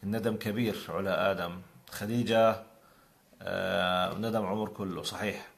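A call-in show host greets viewers one by one on a live broadcast, speaking Jordanian Arabic and offering warm religious blessings conversationally. He has a low, gravelly voice with fairly even intonation, delivered at a normal speed.

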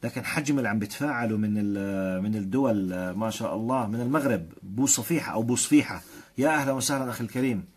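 A Jordanian man with a Jordanian accent hosts a live stream, reading out viewer comments in a rapid flow. His voice is husky and a little breathy, and he moves quickly from one greeting to the next. He sprinkles his talk with blessings and light chuckles. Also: on the low side. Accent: Jordanian Arabic. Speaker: host.

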